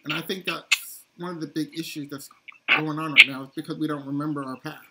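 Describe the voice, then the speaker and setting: A man's voice: a little high, steady tone, a little fast. A man in a casual video-call book discussion, speaking hesitantly with many fillers. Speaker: book club member. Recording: loud background noise on call.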